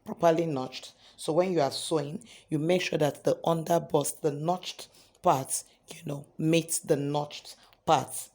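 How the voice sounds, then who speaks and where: A hoarse man teaching a sewing tutorial step by step, often checking in with "okay?". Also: on the high side, steady tone, a little slow, a little mellow. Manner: repeats points, ends lines with "okay?". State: hoarse from singing. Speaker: sewing instructor.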